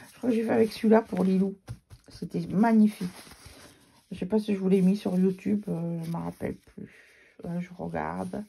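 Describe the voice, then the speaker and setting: Woman scrapbook vlogger, regional accent, gravelly voice, casual rambling chat. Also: medium pitch, mellow. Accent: regional French accent. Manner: chatty, rambling, with fillers.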